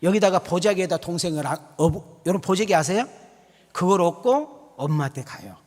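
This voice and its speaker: A man preaches a sermon in a church, swinging between folksy storytelling and rising, emphatic calls. His voice sits high for a man. A long reverb from the hall trails his words. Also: expressive, normal speed, darkish tone. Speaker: pastor. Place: church sanctuary.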